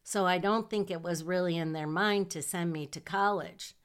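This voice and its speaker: Hosting her own podcast, a middle-aged woman from southern Michigan chats slowly through a personal monologue. Her nasal voice is on the low side, smooth and steady-toned, and she often makes fun of herself with small laughs.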